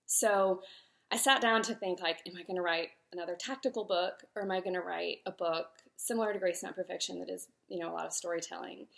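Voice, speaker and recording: A woman's voice: fairly low pitch, steady tone, fast talker, gravelly, a bit bright. A woman in her thirties speaks on a live stream as author and host, talking openly about her life and work. She is emotional and close to tears, her words catching in places. She talks loosely and personally, with plenty of fillers and restarts. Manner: emotional, tearful at times, with fillers and self-corrections.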